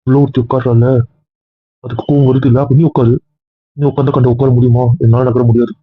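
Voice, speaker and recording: A man acting as a stern, lecturing young man in a homemade family drama, rattling off his words at a rapid clip. His voice is husky and dry, and the sound is thin and tinny, like a phone line. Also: mid-range voice, little pitch movement, close to an everyday voice. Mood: defiant teasing. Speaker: actor in a family comedy-drama skit. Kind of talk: casual web-series acting.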